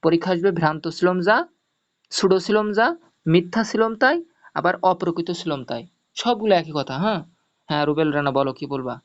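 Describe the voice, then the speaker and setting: A man's voice: fairly high pitch, fast talker. A male teacher gives an online zoology lesson, explaining step by step, repeating mnemonics and checking that students follow. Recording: dull lo-fi audio.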